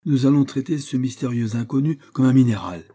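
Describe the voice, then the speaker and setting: Man reading as an old chemist, exclaiming, husky, dark-toned, storybook reading. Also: medium pitch, fairly quick, pitched above the performer's own voice, lightly acted. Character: aged male chemist, weary, then eager.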